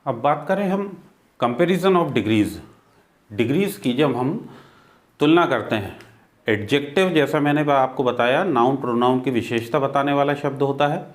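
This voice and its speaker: A man with an Indian accent teaching a spoken English lesson, explaining patiently and repeating words for drill. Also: medium pitch.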